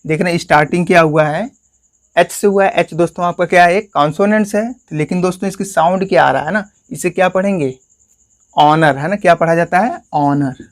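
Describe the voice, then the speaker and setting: Hindi accent guy teaching grammar, slightly high voice, keeps saying friends. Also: a little fast. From India. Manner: repeats "friends" and asks questions he answers himself. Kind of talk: explanatory classroom lesson.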